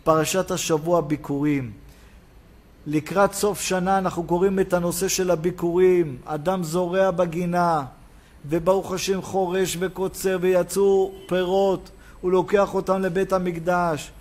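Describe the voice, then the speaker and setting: A rabbi giving a Hebrew sermon, preaching emphatically and swinging between loud exclamations and quiet asides. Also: male voice, high voice, little pitch movement.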